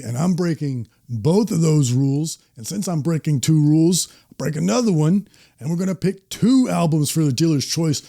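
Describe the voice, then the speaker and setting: A man's voice: a little high, creaky, dark tone. A man hosting a casual metal album review show, enthusiastic and joking. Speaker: host.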